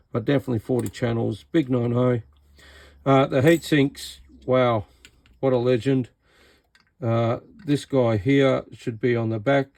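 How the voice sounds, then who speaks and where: In a dry recording, this Australian presenter of a radio repair video speaks in a mid-range voice that's creaky and slightly mellow. He checks the equipment hands-on, commenting casually with sarcasm and bluntness.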